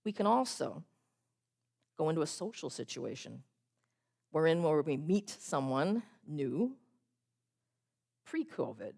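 Woman preaching, measured storytelling. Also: low voice, sing-song, creaky, a little mellow. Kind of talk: sermon.

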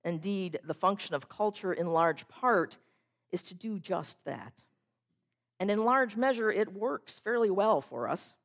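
Woman preaching, measured storytelling. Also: medium pitch, expressive. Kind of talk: sermon.

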